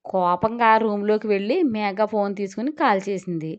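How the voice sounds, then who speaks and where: A woman narrating a serialized romance audio story in an expressive, scripted reading. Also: medium pitch, moderate pace, lo-fi sound.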